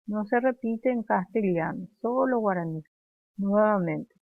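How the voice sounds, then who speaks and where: Slow patient woman teacher, phone-thin. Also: mid-range voice, no echo, narrow, tinny audio. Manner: slow, patient, models words for pupils to repeat. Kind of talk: remote first-grade language lesson.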